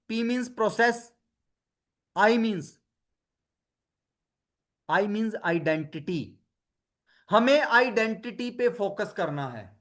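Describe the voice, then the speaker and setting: A man coaching an online webinar group in an energetic way, calling on participants by name and asking rhetorical questions. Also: sits high. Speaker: motivational coach leading a webinar. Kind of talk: lively Hindi webinar talk to online participants.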